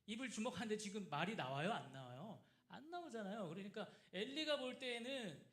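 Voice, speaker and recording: A man's voice: high voice, a little fast. A male pastor preaching a sermon, asking the congregation questions and acting out the people in his story. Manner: acts out quoted people in lively asides, asks the congregation questions. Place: church sanctuary. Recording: roomy church echo.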